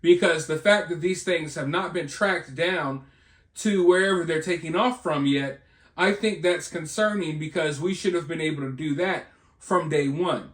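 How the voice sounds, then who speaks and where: With a fairly high, slightly bright voice at a moderate pace, this American man hosts a video channel of informal news commentary. He speculates rhetorically and conversationally, regularly checking in with his audience, and the recording sounds roomy and echoing.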